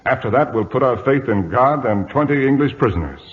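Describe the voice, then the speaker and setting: An actor playing a resolute, courteous British naval captain in measured, commanding old-time radio drama style. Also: male voice, mid-range voice, animated, lightly acted. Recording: muffled old radio broadcast, reverberant, hissy.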